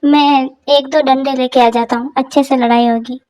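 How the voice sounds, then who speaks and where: An easygoing young husband in a fan dub drama who tries to calm his wife with jokes, as a woman voices him. His voice is fairly high for a man. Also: moderate pace, a crowd in the background, lightly acted. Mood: coaxing. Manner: soothing, joking.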